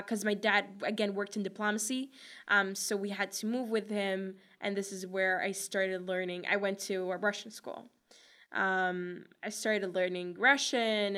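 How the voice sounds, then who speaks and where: A young Egyptian woman, a native Arabic speaker, chats casually as an interview guest, using lots of fillers and laughing often. Her mid-range voice has a sharp tone and a smooth delivery.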